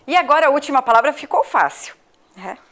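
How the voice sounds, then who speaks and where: A woman's voice: sits high, big pitch swings, quick pace, a bit bright. A woman from Brazil, a primary school teacher, giving a patient video lesson to children and asking them questions. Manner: patient, questioning the pupils, spells out letters.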